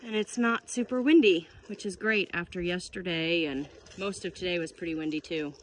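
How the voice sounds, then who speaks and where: A woman chatting casually to camera as a homesteading vlogger, informally explaining chores outdoors with a tractor rumbling behind. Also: normal speed, a little hiss or hum, low-quality recording. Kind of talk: casual vlog chat to camera. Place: outdoors on a farm.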